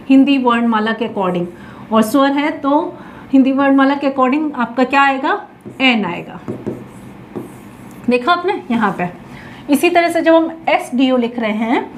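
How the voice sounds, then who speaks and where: A woman's voice: sits high, a little hiss or hum. A woman teaching English grammar in Hindi mixed with English, asking questions and answering them herself as she writes on a board.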